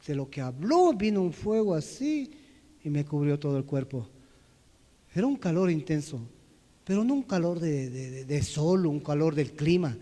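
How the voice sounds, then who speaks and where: Man preaching, high voice, loud then hushed, echoey church hall. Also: lively intonation, normal speed. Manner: storytelling, swings from loud to hushed. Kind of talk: sermon testimony.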